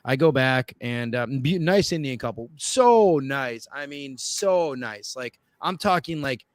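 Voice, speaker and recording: A man's voice: medium pitch, measured pace, no echo. A man telling an embarrassing story in casual chat, full of fillers, restarts and acted-out voices. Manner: animated, acts out voices, many fillers and restarts. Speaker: podcast guest telling a story.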